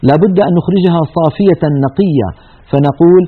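Fast-talking man teaching recitation, tinny sound. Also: a little high, breathy edge. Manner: earnest, explains and demonstrates sounds slowly. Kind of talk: tajweed lesson. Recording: tinny narrow-band radio sound.

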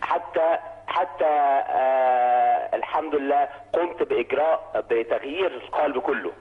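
A man with an Egyptian accent calling in to a program over the phone, hesitant and halting, with many fillers and restarts as he asks his question. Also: medium pitch, faint music behind. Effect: heard over the phone. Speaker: caller. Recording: tinny phone line.

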